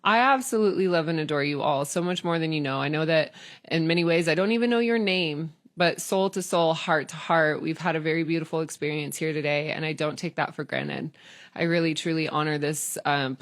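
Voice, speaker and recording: A woman hosting a live-streamed spiritual talk, gushing and affectionate, with many repeated phrases and bursts of chanted syllables. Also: low-pitched. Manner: chants fast improvised syllables.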